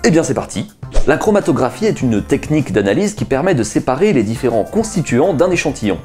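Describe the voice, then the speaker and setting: A man's voice: mid-range voice, big pitch swings, brisk, darkish tone, faint music behind. A man in his thirties hosting a science video, explaining and carrying out a chemistry experiment at a desk with an enthusiastic, chatty teaching tone. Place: small indoor room, seated at a table.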